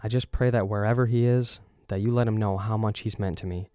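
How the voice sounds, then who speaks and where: A man's voice: fairly low pitch, steady tone, brisk, dark tone, dry recording, clean studio sound, lightly acted. An actor playing an earnest, devout young male martial artist in an audio drama. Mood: prayerful. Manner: earnest, emotional.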